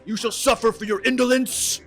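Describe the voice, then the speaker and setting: Man doing a booming, magically amplified god voice. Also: steady tone, a bit bright, faint music behind. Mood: menacing. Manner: slow, grave and threatening. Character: stern male god speaking through a glowing pinky. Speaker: game master.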